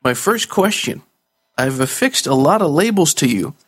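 Man, interview host, formal radio style, slightly high husky voice, animated intonation. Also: normal speed.

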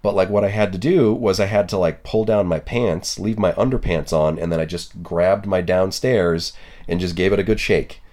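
A man's voice: low-pitched, normal speed, a little mellow. A man co-hosting a podcast, telling a story casually with lots of fillers and the odd swear. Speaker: podcast co-host, body piercer. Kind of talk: casual chat.

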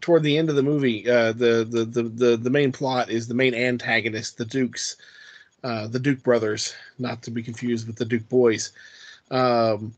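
A male podcast co-host with a mid-pitched voice who talks his way through a fact, stumbling and restarting often. The sound is dry and close. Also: fairly even intonation, normal speed, dry recording. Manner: rambling, hesitant, many fillers and restarts. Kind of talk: casual podcast chat.

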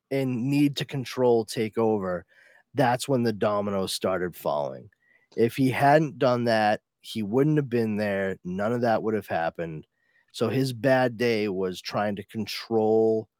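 A man's voice: fairly low pitch, a little mellow, no echo. A man co-hosting a podcast, talking casually about a comic book and sometimes acting out quoted lines with a raised voice. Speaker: podcast co-host.

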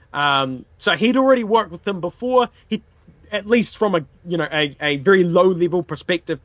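High, bright-voiced man, broad Kiwi accent. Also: no echo, lo-fi sound. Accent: broad New Zealand. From New Zealand. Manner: sweary, colloquial. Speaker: podcast host. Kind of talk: casual history storytelling.

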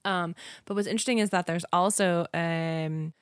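Woman co-host, low-ish voice, animated chat, dry close recording. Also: moderate pace, clear, resonant tone, dry recording. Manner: animated, chatty, acts out little voices. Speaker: podcast co-host. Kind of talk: casual chat.

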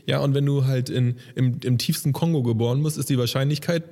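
A man's voice: mid-range voice, fairly quick, dark tone, big-room sound. A young man co-hosting a casual podcast, chatty and rambling, who keeps checking for agreement with tag questions. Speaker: podcast co-host.

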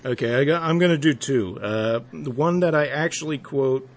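A man's voice: mid-range voice, moderate pace. A man co-hosting a podcast, chatting casually and stumbling over names now and then. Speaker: podcast co-host.

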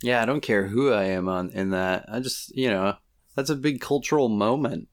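A man co-hosting a podcast in casual chat, rambling and halting as he thinks aloud. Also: on the low side. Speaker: podcast co-host.

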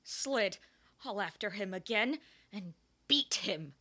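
A woman's voice: medium pitch, lively intonation, slow, bright, forceful tone, exaggerated voice. A woman playing a foolish, cowardly male knight in a stage play who blusters and whines. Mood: boastful.

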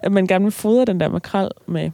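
A writer reading aloud slowly from a novel, then talking about the book with hesitant fillers. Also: medium pitch, creaky, dark tone, no echo. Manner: slow, measured reading with hesitant fillers in discussion.

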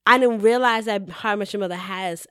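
A woman in casual chat, animated and swearing, acting out quotes from a sitcom. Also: medium pitch, fairly quick, clear, resonant tone, dry recording.

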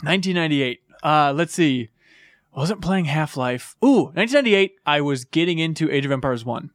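A man in his thirties hosting a casual podcast, telling quick joking stories into a close mic. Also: on the high side, expressive, no room sound. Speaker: podcast host.

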